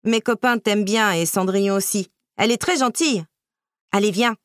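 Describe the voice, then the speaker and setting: A woman voicing a small, eager male mouse in a storybook reading, squeaky and quick. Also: no room sound, studio quality, close to an everyday voice. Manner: squeaky, hurried.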